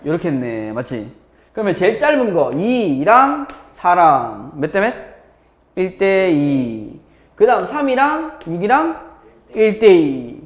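Male math teacher, live class, bright lively delivery, roomy echo. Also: high voice, slow. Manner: lively, constantly checking with students. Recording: echoey classroom.

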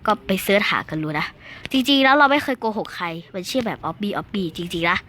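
Bright excitable young woman gamer. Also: medium pitch, fairly quick. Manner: excitable, squeals and chatters while playing. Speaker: gaming video host. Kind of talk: casual gameplay commentary.

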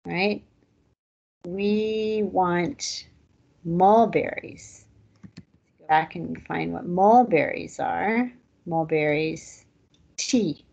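A woman teaching a language lesson at an unhurried, deliberate pace. Her voice is low and gravelly with a husky edge. She explains the grammar patiently, one step at a time. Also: a little mellow, highs cut off.

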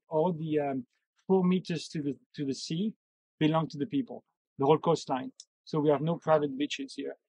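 Bike tour guide, middle-aged man, husky and slightly high voice, halting outdoor explanation, dry close sound. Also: a little mellow, dry recording, poor audio. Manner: halting, many fillers and restarts. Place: outdoors on a coastal road, on a bike.

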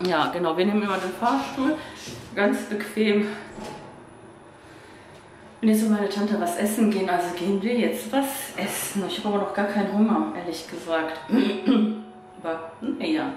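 A travel vlogger in her thirties chats casually to a handheld camera held at arm's length, in a hotel lobby and out on the street. She rambles a little, sounds tired from the humid heat, and keeps dropping "genau" and "ne?" tags. Her voice is medium-pitched and darkish at normal speed, and the low-quality recording has a slight hiss or hum.

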